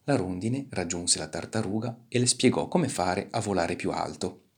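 A man reading a children's storybook aloud with animated, expressive delivery. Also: low voice, normal speed, creaky, breathy edge. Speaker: narrator.

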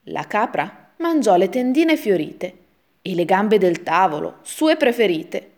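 A woman's voice: medium pitch, unhurried. A woman narrates a rhyming children's story in a sing-song cadence. Her voice sits in a middle register and rises and falls with lots of melody. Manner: lively sing-song rhythm.

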